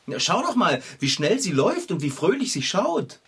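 A man's voice: sits high, huge pitch swings, moderate pace, breathy edge, full character voice. A man voicing a friendly, easygoing bicycle mechanic in a cartoon.

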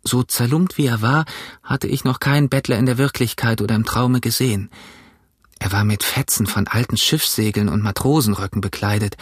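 A man narrating an adventure story in a slow, measured audiobook reading. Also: mid-range voice, husky, no room sound, clean studio sound.

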